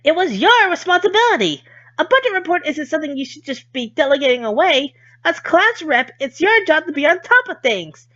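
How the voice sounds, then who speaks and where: A man's voice: very high voice, big pitch swings, brisk, pushed and bright, muffled recording, pitched above the performer's own voice, exaggerated voice. A man voicing a bubbly schoolgirl who relays a strict student council president's lectures in a bossy, emphatic way. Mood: scolding.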